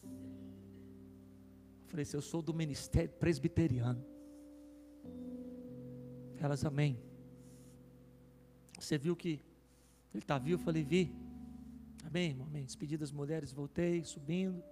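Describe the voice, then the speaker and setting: Pastor guy giving an emotional sermon story, soft music behind him, echoing church. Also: a little high, steady tone, measured pace, pauses often. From Brazil. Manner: emotional storytelling, voice rising at intense moments. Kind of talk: sermon testimony. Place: church hall.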